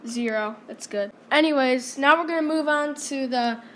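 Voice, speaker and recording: Female amateur vlog host, high voice, casual narration, faintly noisy home recording. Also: normal speed. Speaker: host testing home alarms. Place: indoors in a house.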